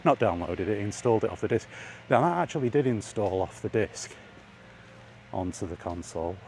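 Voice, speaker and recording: On an outdoor walk under trees, a man vlogs, chatting and rambling in a wry, grumbling fashion. His slightly mellow voice is on the low side, with lively intonation at a normal speed, and faint outdoor ambience is audible.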